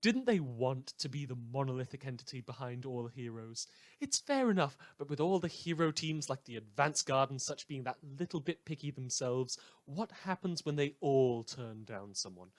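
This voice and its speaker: A man plays a snide, theatrical small-town radio host delivering mock news in a scripted fan drama. His mid-range voice swings widely in pitch at a moderate, near-everyday pace, and his sardonic, theatrical manner lurches from muttered asides to outbursts.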